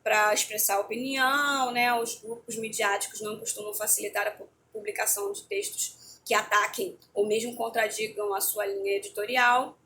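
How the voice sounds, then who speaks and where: A woman's voice: medium pitch, fairly even intonation, normal speed, sharp tone, slight background noise. A woman teacher giving a remote lesson, explaining a textbook in a chatty way and often checking in with her students.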